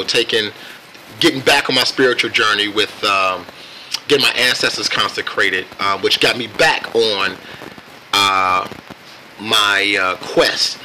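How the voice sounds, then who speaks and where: An American man casually telling a personal story on camera in a reflective, laid-back and halting way. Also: lowish voice, sharp tone, slight background noise, low-quality recording. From United States. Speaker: vlogger.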